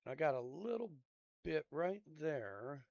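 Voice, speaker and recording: A man giving casual gameplay commentary, rambling and thinking out loud in a laid-back, drowsy way. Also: a little high, sing-song, slow, creaky, dry recording, lo-fi sound.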